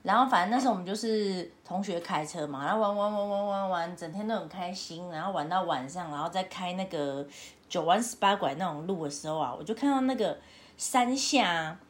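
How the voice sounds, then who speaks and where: A woman, hosting a podcast and telling a story in a casual, animated way, often laughing. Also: fairly quick. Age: 30s. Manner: animated, laughing, acts out her own past lines in a high voice. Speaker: podcast host. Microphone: home remote recording.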